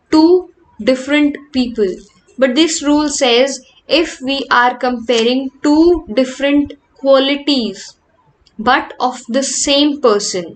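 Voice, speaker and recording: A woman teaching a grammar lecture, reading example sentences slowly and then explaining them more quickly in Hindi. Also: high voice, a little hiss or hum.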